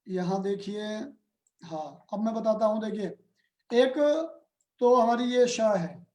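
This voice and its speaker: A man's voice: high voice, takes it slowly, a little mellow. A man teaching a grammar lesson, explaining step by step and putting questions to his students. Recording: roomy echoey room.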